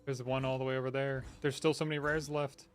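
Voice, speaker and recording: Male streamer, mid-pitched, casual gameplay commentary, noticeable background noise. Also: flat delivery, fast talker. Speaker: game streamer. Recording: clearly noisy game ambience behind.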